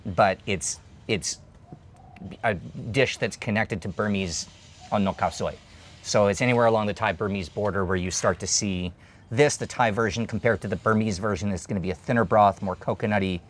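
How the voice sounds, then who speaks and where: A man in his thirties hosts a food show on a lapel mic, eating at an open-air stall while chatting casually and explaining the dishes. His voice sits on the low side at a normal speed.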